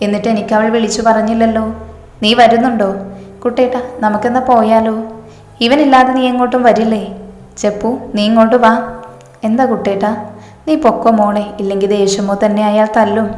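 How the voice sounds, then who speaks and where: A woman reading aloud a romantic story, voicing all the characters in one even voice. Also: medium pitch, brisk. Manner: flat, even reading of every part in one voice. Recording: echoey room with long reverb.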